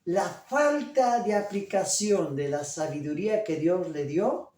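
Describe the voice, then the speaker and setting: A pastor delivers a sermon slowly and deliberately, with a voice that rises and falls a great deal. The preacher often stops to put questions to the congregation. The sound is roomy and echoey, picked up from some distance away in a church. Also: medium pitch, animated, a little mellow.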